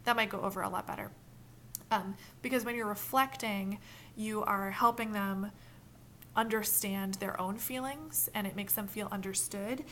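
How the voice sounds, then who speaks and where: A woman leading a mentor training in a casual, animated way, acting out example lines as she explains. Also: mid-range voice, normal speed, slight background noise. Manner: animated, acts out quoted examples.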